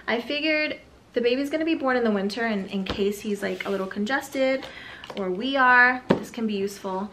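A woman's voice: medium pitch, bright, forceful tone, slight background noise. A young woman, an expectant mother, chatting casually through a haul of baby items, a little out of breath, with fillers and asides. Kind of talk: casual product haul vlog.

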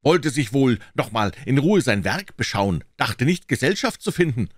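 A man's voice: mid-range voice, very animated, moderate pace, no echo, clean studio sound, pitched above the performer's own voice. A man voicing an indignant bystander in a crowd, sounding scornful in a raised voice for a storybook reading.

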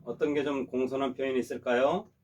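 A man plays a middle-aged language teacher leading a classroom lesson, his pitch in an ordinary middle range and his tone steady and a little mellow. He speaks with patient, repetitive care, often checking that students understand. He draws out model sentences slowly so they can copy them.

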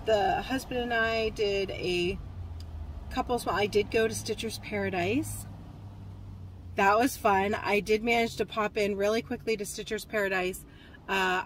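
A woman's voice: mid-range voice, fairly even intonation, a little slow, slight background noise, rough recording. A woman in her forties chatting casually to a phone camera from a parked car, rambling with lots of fillers and restarts. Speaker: cross-stitch vlogger. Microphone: phone camera at arm's length.

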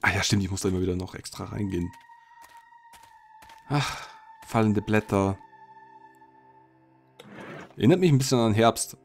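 A man's voice: on the low side, normal speed, creaky, pauses often, soft background music. A man hosting a let's play, musing and thinking aloud with many hesitations as he plays. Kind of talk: casual gameplay commentary.

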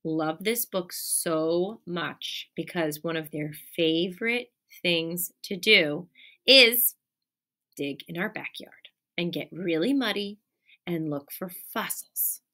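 Her pitch runs fairly low but her intonation is lively; she reads slowly, with a bright, forceful tone. The woman, a thirty-something elementary teacher, performs an animated picture-book read-aloud with asides for young kids, stressing key words and asking them questions, in a small room by a window.

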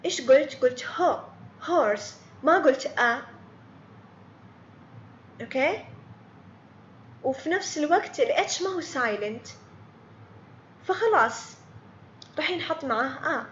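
A woman's voice: high-pitched, expressive, moderate pace, long pauses, a bit bright, reverberant, highs cut off, slight background noise. A woman teaching a beginner English grammar lesson online, patiently repeating words and quizzing students by name.

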